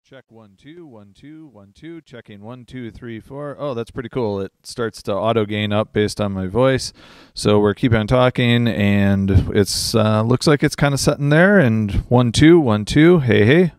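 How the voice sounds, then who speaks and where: A man doing a casual sound check into a microphone, counting and chatting while the volume rises unevenly from very quiet as auto gain adjusts. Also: medium pitch, measured pace, clear, resonant tone, dry recording, clean studio sound. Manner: casual, relaxed testing chatter. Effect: uneven volume, rising from very quiet as auto gain adjusts.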